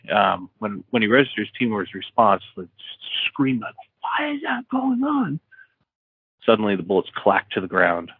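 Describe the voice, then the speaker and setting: A man on a podcast interview, retelling a story in a loose, rambling way full of fillers and restarts. His voice is very low and sounds thin and tinny, like a phone line. There is no room echo. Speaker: author guest.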